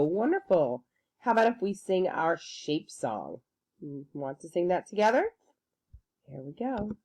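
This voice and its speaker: A woman's voice: fairly low pitch, a little mellow. A woman preschool teacher leading a circle time lesson for children in an encouraging, sing-song way.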